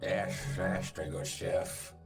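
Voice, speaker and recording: A man's voice: low-pitched, steady tone, takes it slowly, recorded from a distance. A man hosting a live stream, chatting casually and laughing often inside a social VR world. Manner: laid-back, laughs often. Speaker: streamer host. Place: social VR world at a virtual convention. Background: music playing.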